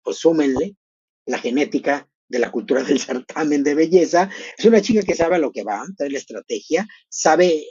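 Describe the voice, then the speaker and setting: A middle-aged host chats expressively through live pageant commentary and speaks straight to the viewers. The voice sounds mellow and a little husky. It comes through dull, dry, lo-fi stream audio. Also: mid-range voice, no room sound. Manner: expressive, chatty, addresses viewers directly.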